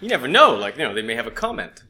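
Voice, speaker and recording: A man's voice: medium pitch, wildly swooping pitch, very fast, pushed and bright. A man co-hosting a film podcast in casual, conversational chat. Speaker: podcast co-host.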